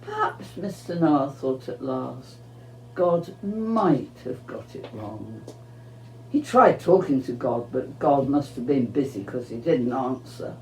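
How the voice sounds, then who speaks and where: Storybook narrator: mellow, slow delivery, scripted reading, echoey room. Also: mid-range voice, animated, creaky, a little hiss or hum. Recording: roomy, echoing sound.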